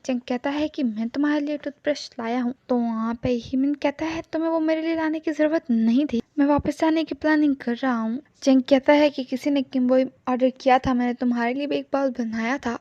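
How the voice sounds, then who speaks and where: A woman's voice: high voice, steady tone, brisk, few pauses, darkish tone, no echo, highs cut off. A woman narrating a casual plot recap. She retells the scenes line by line and quotes each character plainly.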